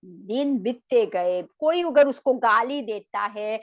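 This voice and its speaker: High-voiced woman telling a devotional story. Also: slow pace, muffled recording. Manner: lively narrator, mixes English words into her Hindi. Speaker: naturopathy and yoga doctor.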